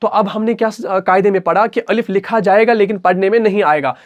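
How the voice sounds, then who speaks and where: A man with a fairly high voice explains recitation rules step by step at a brisk pace, with lo-fi sound. Like a classroom teacher, he patiently repeats each point and answers his own questions to the students.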